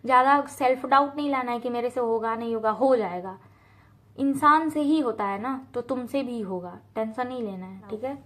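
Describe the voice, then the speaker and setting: A woman's voice: a little high, normal speed, a bit bright. A young woman from India giving earnest, direct study advice in a casual talk to camera, repeating points for emphasis and slipping in English phrases. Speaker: student advice vlogger.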